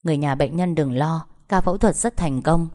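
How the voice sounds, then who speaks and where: Composed male surgeon in an audiobook tale, steady and reassuring, read by a woman. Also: sits low, brisk, natural voice. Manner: calm, professional, soothing. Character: calm reassuring male doctor. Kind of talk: audiobook storytelling.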